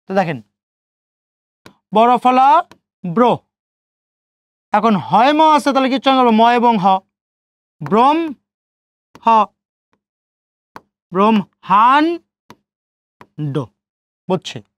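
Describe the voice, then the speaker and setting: A male teacher giving an exam-prep lecture, repeating key points slowly and asking questions that he answers himself. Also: extremely high pitch, lively intonation, clean tone, no room sound. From Bangladesh. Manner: asks students rhetorical questions and answers them himself.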